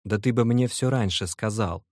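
A man voicing an excitable, effusive young male clerk in an audiobook, exclaiming emotionally. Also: on the low side, moderate pace, no echo, studio quality, close to an everyday voice. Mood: excited.

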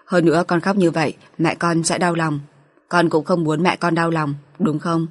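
A kind young uncle, put on by a woman reader, soft and soothing, his voice a touch lower than the narration. The tone is husky and hushed. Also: fairly even intonation, normal speed, no room sound.

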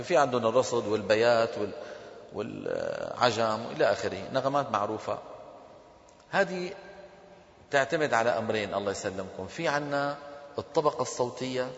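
Teacher in an echoey hall. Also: male voice, on the low side. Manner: asks the class questions and answers them himself. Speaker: teacher of Quran recitation. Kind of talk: classroom lesson. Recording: dull echoey hall recording.

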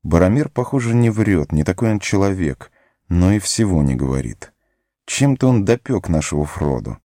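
A man narrating a fantasy audiobook in a measured, expressive storytelling voice. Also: deep voice, no echo, clean studio sound.

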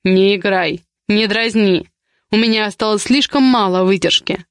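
A woman voicing a domineering, possessive young man who gives low, menacing commands in an audiobook romance. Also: normal speed, dry recording, clean studio sound, natural voice.

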